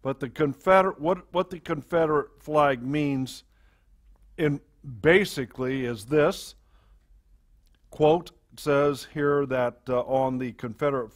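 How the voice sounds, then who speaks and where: A man preaching a sermon to his congregation into a pulpit microphone, in a halting delivery full of fillers and restarts. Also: fairly high pitch, steady tone. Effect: speaking into a pulpit microphone. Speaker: pastor.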